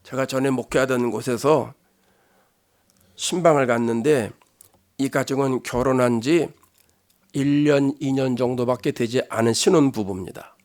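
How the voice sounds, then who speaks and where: A male pastor giving a sermon in an emphatic, conversational style, alternating loud declarations with hushed asides. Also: mid-range voice, steady tone, moderate pace, pauses often.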